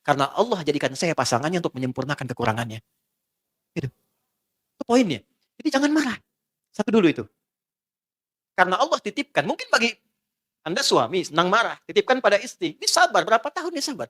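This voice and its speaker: Male preacher, middle-aged, relaxed joking sermon, lively swooping pitch. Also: fast, long pauses. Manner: relaxed, joking lecture with acted dialogue. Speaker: Islamic preacher.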